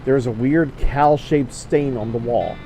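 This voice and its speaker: A man with a middling pitch narrates a video game as he plays it. He reads the on-screen text aloud and adds his own commentary, with guitar game music clearly behind him. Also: unhurried, mellow, low-quality recording.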